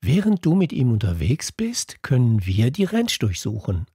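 Brief: narrator as an unhurried, composed boy, low and husky, dry sound. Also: no echo, heavily acted. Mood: decisive. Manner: calm, measured. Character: calm thoughtful schoolboy Luca.

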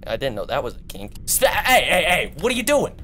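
A man commentating a horror game, excitable, with a voice that cracks, jumping from yelps and shouts to low mumbling. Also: brisk, faint music behind. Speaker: gaming YouTuber.

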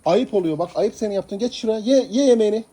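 A man's voice: high voice, quick pace, dark tone, husky. A man talking casually to his cat and dog, coaxing and pleading with them in a pet-talk way. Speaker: pet owner.

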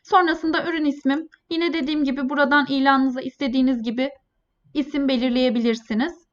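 A woman presenting a scripted step-by-step software tutorial in a polite, formal customer service manner. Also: high-pitched, steady tone, fast. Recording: dull, lo-fi voice-over.

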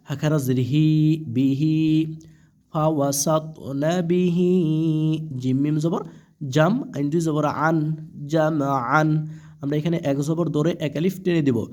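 A man's voice: fairly high pitch, darkish tone. A man teaching Quran reading, spelling each word letter by letter and asking rhetorical questions as he explains the rules. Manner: patient, letter-by-letter spelling with drawn-out recitation; asks rhetorical questions, checks with "okay?".

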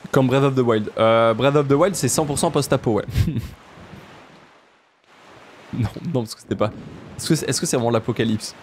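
A man with a southern French accent, chatting casually and jokily while playing a game, often jumping up in pitch for emphasis. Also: normal speed, long pauses, a little mellow, a little hiss or hum. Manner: chatty, jokey, jumps to high pitch for emphasis. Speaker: let's play streamer. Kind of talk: casual gameplay commentary.

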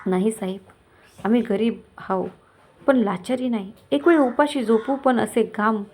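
A woman's voice: on the high side, a little slow, darkish tone, slight background noise. A woman voicing a poor, proud young village wife who pleads but stays firm and defiant. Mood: pleading.

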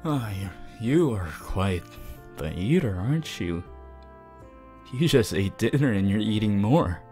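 Man voicing Hitoshi Shinsou, slow low sly flirt. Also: lively intonation, faint music behind. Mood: teasing, tender. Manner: slow, hushed, teasing, pauses often. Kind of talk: ASMR character roleplay to the listener.

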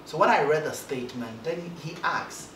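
At a moderate pace, a broadcast journalist guest with a light voice, high-ish for a man, chats casually in an interview from an armchair on an indoor studio set. Animated and gesturing often, he stammers as he begins. The recording has a roomy echo, a distant mic, and background noise.

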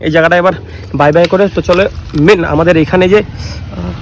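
A man's voice: high-pitched, steady tone, brisk, vocal fry, a little hiss or hum. A young man from West Bengal, chatty and playful, vlogging on a handheld phone at a lakeside park. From West Bengal, India. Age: young adult. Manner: chatty, addresses viewers as brother, playful. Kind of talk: casual vlog narration. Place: outdoor park by a lake, street.

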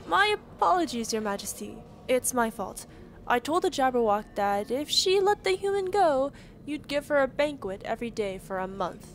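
A woman's voice: sits high, very animated, normal speed, slight background noise. A woman voicing a deferential, apologetic female rabbit servant, polite and formal, in an audio roleplay drama. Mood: anxious, deferential.

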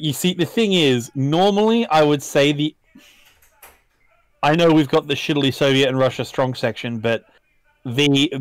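A man chatting excitedly with friends on a casual live stream about aircraft, now and then putting on mock voices for jokes. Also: mid-range voice, no echo. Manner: enthusiastic, puts on mock Soviet voices for jokes. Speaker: history YouTuber on a group live stream. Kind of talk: casual banter.

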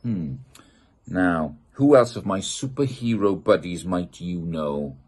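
Reading a children's picture book aloud with playful, expressive storytelling, a middle-aged British man is filmed in an outdoor garden gazebo from desk distance. He speaks slowly in a low, husky voice.

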